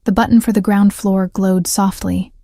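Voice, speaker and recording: A woman reads a first-person romance story at a measured, steady pace. Her voice is mellow and held to a narrow, even tone, and the sound is dry and close. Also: mid-range voice, vocal fry, dry recording. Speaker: audiobook narrator.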